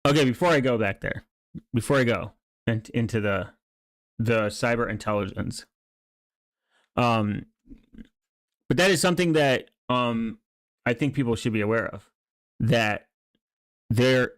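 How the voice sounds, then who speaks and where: A man with a mid-pitched voice rambles through casual commentary. He is halting, often abandoning a thought and starting it again. The sound is dry, with no room echo. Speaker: streamer reacting to online videos and channels.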